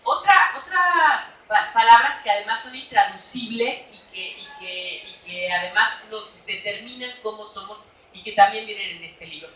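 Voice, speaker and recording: A Mexican woman author giving a lively, chatty public talk at a book fair, tagging her sentences with quick questions to the audience. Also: mid-range voice, recorded from a distance. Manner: animated, chatty, frequent "¿no?" tags. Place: large echoey hall at a book fair. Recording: echoey hall, voice from off-mic.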